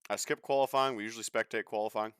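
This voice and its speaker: A man's voice: on the low side, fairly even intonation, fast, smooth. A young man casually talking through a sim racing live stream, chatty and swearing freely with an offhand joking manner.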